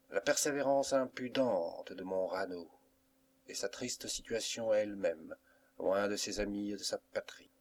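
Male narrator, low voice, measured classic-novel reading. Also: a little mellow. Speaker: audiobook narrator.

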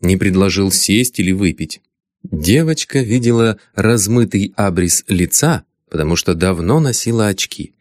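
Expressive male audiobook narrator. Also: sits low, normal speed, dry recording. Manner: expressive, dramatic reading. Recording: dry close studio sound.

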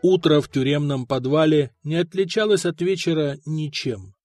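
Male audiobook narrator, measured storytelling, slightly high voice, dry close sound. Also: darkish tone, no echo, soft background music. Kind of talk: scripted narration.

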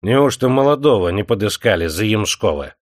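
A man's voice: lowish voice, animated, normal speed, no room sound, studio quality, close to an everyday voice. A man voicing an irritable male tax inspector who barks orders and mocks people. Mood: mocking. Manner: barking orders, mocking.

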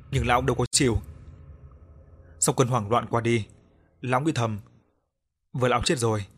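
A man's voice: medium pitch, slight background noise. Man narrating a horror audiobook. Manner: steady storytelling read.

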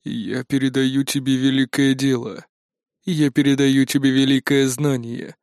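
A man voicing a tired, disillusioned male artificial intelligence who speaks slowly and flatly in an audiobook. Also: clear, resonant tone, dry recording, studio quality, close to an everyday voice. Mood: solemn. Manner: slow, low and tired. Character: weary disillusioned male AI, cold and resigned.

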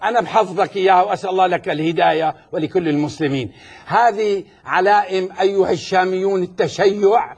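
A man with a high, slightly husky voice argues his case in a televised debate. He presses hard on each point and slows down deliberately whenever he recites scripture. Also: darkish tone, muffled recording. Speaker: religious debater.

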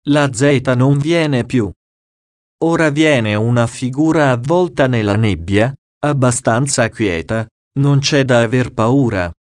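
A man reads a diary aloud in a slow, deliberate, solemn way. His voice sits at an ordinary middle pitch, and the recording is close and dry, with no room sound. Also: animated, no room sound. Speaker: audiobook reader.

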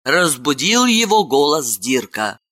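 A woman narrating an audiobook fantasy story with slow, expressive storytelling. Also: low voice. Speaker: audiobook reader. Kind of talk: scripted narration.

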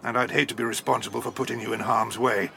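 An actor playing a courteous, commanding police officer, calm and authoritative, in an audio drama. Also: male voice, medium pitch, quick pace, vocal fry, a little hiss or hum. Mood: calm, resolute.

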